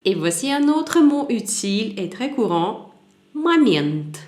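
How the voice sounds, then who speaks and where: A woman teaching a language lesson, slowly repeating each example word so it can be copied. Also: fairly high pitch, animated, music in the background. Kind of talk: slow spoken language lesson. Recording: roomy echoey room.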